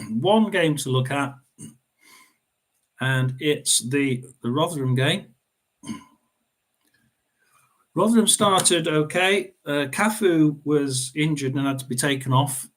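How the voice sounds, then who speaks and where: A middle-aged man hosts a football watchalong in a loose, casual way. He rambles along with plenty of fillers and keeps clearing his throat between thoughts. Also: on the high side, slow pace, pauses often, fairly bright tone. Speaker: watchalong host. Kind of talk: casual live football commentary.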